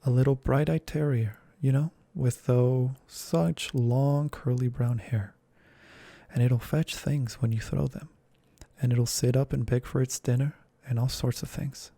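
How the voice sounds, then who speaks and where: In a close, dry whisper, a man reading a storybook puts on the part of a chatty, well-mannered young girl who is earnest and eager to please. His voice remains mellow, gravelly and low-key, soft-spoken and unhurried, with fairly even intonation and no room sound.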